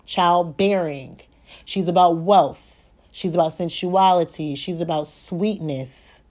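A woman hosting a solo podcast from home, talking fast and rambling, swearing often and correcting herself as she goes. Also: lowish voice, a little mellow. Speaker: podcast host. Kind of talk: solo spiritual podcast monologue. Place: home at night, child asleep nearby.

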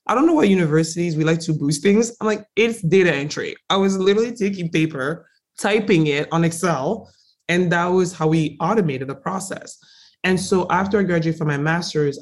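A young Congolese woman, a native French speaker, appears as a guest entrepreneur in a relaxed interview. Her deep voice is emphatic and animated, and she stresses key words often as she tells her story eagerly and directly.

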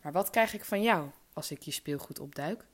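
A woman's voice: deep voice, moderate pace, slightly rough. A woman voicing a fat, pushy male frog in a fairy tale, calling out insistently in a raised voice. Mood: coaxing.

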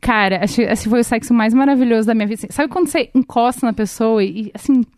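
Fairly high-voiced Brazilian woman, dry close sound. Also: quick pace, no echo. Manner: animated storytelling, many fillers and restarts. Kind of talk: casual chat.

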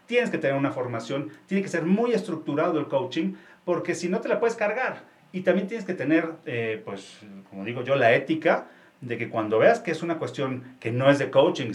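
A man with a Mexican Spanish accent speaks as an executive coach in a relaxed interview. He explains things step by step, restarting his phrases and checking in with short tag questions. His voice sits at an ordinary middle pitch for a man. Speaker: executive coach, company founder. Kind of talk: casual interview talk.

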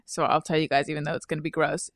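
A woman's voice: deep voice, very fast, no echo, clean studio sound. A woman hosting a casual comedy chat, telling stories with lots of acted-out quotes and laughter. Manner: animated storyteller, acts out quotes, laughs often. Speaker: podcast host.

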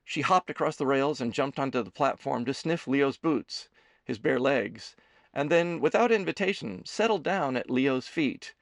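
Expressive guy reading a novel aloud, dry close mic, gravelly. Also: medium pitch, normal speed, dry recording. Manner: expressive, storytelling. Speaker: audiobook narrator. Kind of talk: scripted narration.

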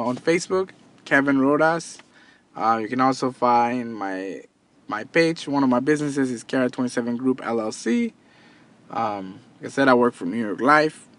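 A thirty-something man, a podcast host and entrepreneur, speaks in a mid-range, slightly bright voice. His casual motivational monologue is earnest and relaxed, full of repetitions and frequent restarts.

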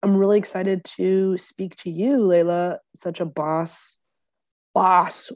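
A woman from Egypt, a lawyer and comedian, chatting as a podcast guest, animated and joking with lots of fillers. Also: fairly low pitch, takes it slowly, dry recording, highs cut off. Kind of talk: casual conversational interview.

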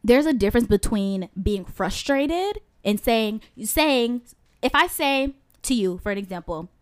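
Animated woman retelling a relationship story. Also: fairly high pitch, unhurried, smooth. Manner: animated storytelling, acts out quoted voices. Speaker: podcast co-host. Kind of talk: casual relationship chat.

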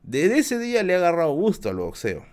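A man's voice: a little high, huge pitch swings, a little fast, a little mellow. A man with a Peruvian accent telling a story on a live stream in a casual, slangy, self-mocking way. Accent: Peruvian Spanish. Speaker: livestreamer telling stories.

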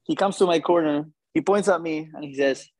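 Animated man telling a story, dry sound. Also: fairly high pitch, a little fast, dry recording. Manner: animated, conversational, asks the audience questions. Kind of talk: live storytelling to an audience.

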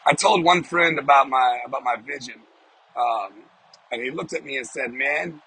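A man with a smoker's voice giving an informal, off-the-cuff devotional, speaking haltingly and repeating phrases for emphasis inside a car. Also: mid-range voice, pushed and bright, husky, low-quality recording. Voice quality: smoker's voice with occasional cough. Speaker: podcast host giving a devotional. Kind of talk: informal off-the-cuff sermon and prayer. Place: inside a parked small car.

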